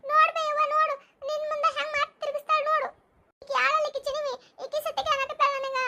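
A woman's voice: very high voice, little pitch movement, quick pace, pushed and bright, slight background noise, exaggerated voice. Woman playing a whiny self-pitying grown daughter. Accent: North Karnataka Kannada. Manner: whining, self-pitying complaints.

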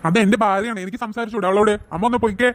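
A performer voicing a young husband and son in a cartoon who answers quickly and defensively. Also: medium pitch, steady tone, lightly acted. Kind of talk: cartoon voice acting.

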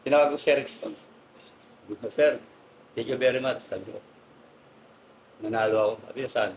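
A man recounts stories as a guest, animated and laughing as he goes. His speech stays polite, with respectful address to his host. His pitch sits in the middle, with a faint hiss behind him. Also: a little fast, low-quality recording. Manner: animated anecdotes, laughing often; polite, says "po" and "sir". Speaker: guest pigeon racer. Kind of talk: casual storytelling interview.

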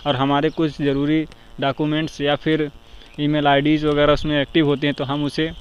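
A man talks through a phone tutorial one step at a time, checking in with the listener as he goes. His delivery stays flat and level, with little rise or fall. The voice-over sounds dull and lo-fi, with a faint hiss underneath. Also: a little high, a little fast. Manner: steady step-by-step explaining with frequent "theek hai" check-ins. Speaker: tech tutorial host. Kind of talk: screen-recorded phone tutorial.

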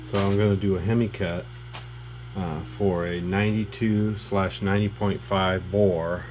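A man with a low, flat voice talks through his machining work plainly, stopping often on fillers. He is recorded in a workshop, and a steady machine hum sits clearly under his words. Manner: plain, halting with many fillers. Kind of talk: casual shop explanation. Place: machine shop. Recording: noisy workshop.

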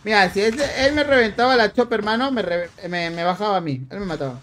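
A man's voice: high voice, quick pace, a little hiss or hum. A young man chatting casually with viewers while he plays a game, greeting them by name in slang. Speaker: game streamer. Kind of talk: casual live-stream chat while gaming. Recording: loud game gunfire behind voice. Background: gunfire and helicopters from the game.

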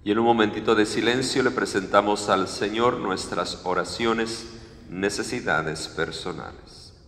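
A male priest leading Mass at the altar, reciting prayers in a measured, solemn way. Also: lowish voice, fairly bright tone. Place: large church sanctuary, at the altar. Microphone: far fixed camera, room mic. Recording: echoey church with long reverb.

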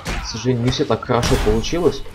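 A man's voice: mid-range voice, rapid-fire. A man giving live commentary on a fighting game stream, as a stream commentator. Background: game music and sound.

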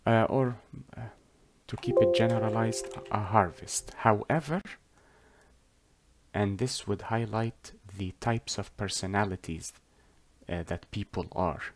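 A man whose first language is Arabic teaches a religious story as a lesson at a whiteboard, speaking in a lowish voice. He goes deliberately, pausing often and correcting himself.

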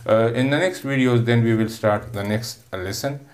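A man's voice: medium pitch, a little hiss or hum. Male English teacher for a recorded lesson: patient, repetitive, lots of "uh" fillers, stretches words to break them into syllables. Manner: patient, repetitive, explains word by word with many "uh" fillers; drawn-out syllable sounding when teaching pronunciation. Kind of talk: recorded online classroom lesson.

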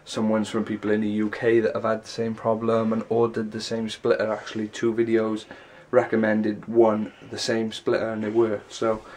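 A young man vlogs from small rooms in his house, holding the camera at arm's length, and he sounds stuffed up with a sore throat as he rambles in loose run-on sentences. His voice is lowish and darkish, completely flat, with a moderate pace and hardly any pauses. There's slight background noise.

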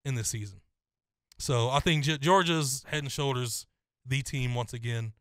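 A young man talks college football picks in a steady, confident flow, laying out detail after detail. His voice is smooth and clear, recorded close and dry with no room sound. He sounds at an everyday middle pitch. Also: moderate pace, no room sound. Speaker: co-host. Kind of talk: casual sports chat.

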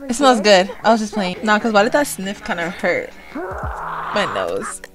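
A woman's voice: mid-range voice, huge pitch swings, measured pace, over music. A woman chatting casually while playing an online game, playful and teasing, often repeating a line over and over. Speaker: gaming video creator. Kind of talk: casual gaming voice chat.

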